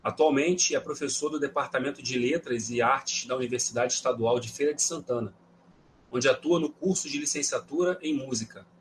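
A man's voice: medium pitch, a little fast, slight background noise. A man hosting a podcast, reading a formal introduction of his guest and then asking friendly questions. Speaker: podcast host.

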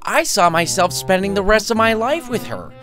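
A man voices a heartbroken, self-pitying young male art student in a story, pitching his voice high above his own. The delivery is sing-song and fairly bright at a moderate pace, grumbling with melodrama and sardonic bite. Faint music plays behind.

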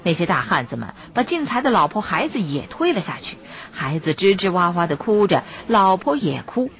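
Woman audiobook narrator, lowish voice, lively dramatic reading, lo-fi sound. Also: moderate pace. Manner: dramatic, storytelling. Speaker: audiobook reader. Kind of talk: expressive novel narration. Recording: dull lo-fi audio.

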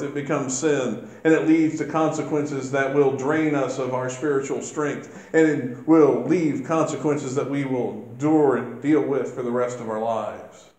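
A man, a minister, preaching a sermon in a church in a slow, deliberate way, rising in force when he quotes scripture. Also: on the high side, a little mellow. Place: church sanctuary. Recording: echoey church hall.

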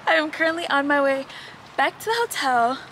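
A woman's voice: high voice, lively intonation, brisk, music in the background. A woman vlogging her travels in a chatty, upbeat way, talking to her viewers on a phone camera outdoors. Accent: Haitian-American. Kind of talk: casual travel vlog.

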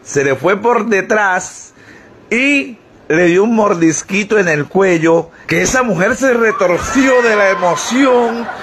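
A man's voice: sits high, lively intonation, slow, fairly bright tone, breathy edge. A man telling jokes in a storytelling manner, chuckling at his own punchlines. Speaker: joke teller.

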